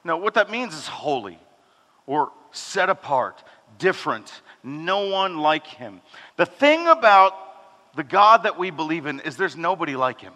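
High, bright-voiced man preaching in a reverberant hall. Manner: conversational, rhetorical questions, drops low and soft for God's words. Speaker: pastor. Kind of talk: sermon. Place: church hall.

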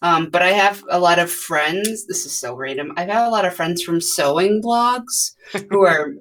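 A woman in her thirties from the US Midwest, a podcast guest chatting casually and rambling with many pauses. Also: lowish voice, a bit bright. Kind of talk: casual conversation.

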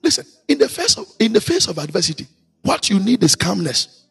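High gravelly preacher chanting over music. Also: male voice, sing-song, brisk. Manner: chanting, sing-song emphasis, repeating lines with shouted peaks. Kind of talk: sermon.

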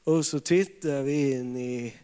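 A man's voice: medium pitch, mellow, clear, resonant tone. A man preaching a charismatic sermon, telling stories with humor and frequent laughter. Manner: humorous storytelling, laughs often. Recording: long reverb of a large hall.

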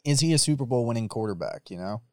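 A man's voice: mid-range voice, animated, quick pace, dark tone, no echo, studio quality. A laid-back man co-hosting a casual sports talk show, agreeable and informative.

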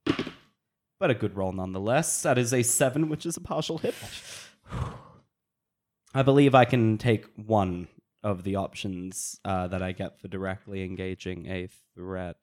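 A man playing a tabletop role-playing game, describing his moves casually and haltingly, in fragments. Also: sits low, a little mellow. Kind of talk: casual improvised game play.

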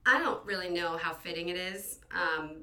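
A young woman from Virginia, co-hosting a casual podcast, chatty and quick to laugh at herself. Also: on the low side, sharp tone. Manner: chatty, laughing, self-deprecating. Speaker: podcast co-host. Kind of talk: casual chat.

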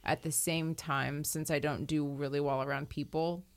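Woman, 30s, low pitch, soft hesitant speech, tabletop player. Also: flat delivery, moderate pace. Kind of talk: in-character tabletop play.

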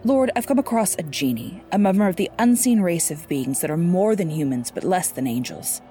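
A woman voicing a calm, persuasive male sorcerer in a measured, courteous storybook reading. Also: on the low side, natural voice.

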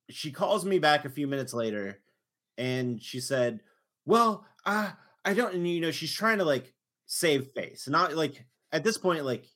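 Animated, lively male podcast storyteller. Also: mid-range voice. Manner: animated storytelling, exasperated retelling. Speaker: podcast host. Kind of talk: casual chat.

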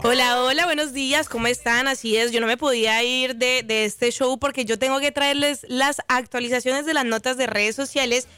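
A woman's voice: high-pitched, steady tone, moderate pace, few pauses, sharp tone, smooth, no room sound. Upbeat woman reading entertainment news. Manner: chatty, upbeat news delivery. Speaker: social media correspondent on a radio show. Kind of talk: radio entertainment news segment. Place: radio studio booth.

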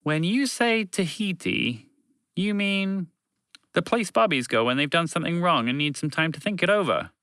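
A man voicing a calm, practical, polite moose in a children's story, measured and to the point. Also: fairly high pitch, clear, resonant tone, dry recording, clean studio sound, voice pushed up. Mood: careful questioning.

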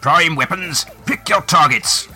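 A man's voice: a little high, measured pace, faint music behind, voice pushed up. A man voicing a stern male airship officer whose voice is magically amplified as he barks orders at prisoners during a tabletop game narration. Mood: barking. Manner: commanding, shouted orders.

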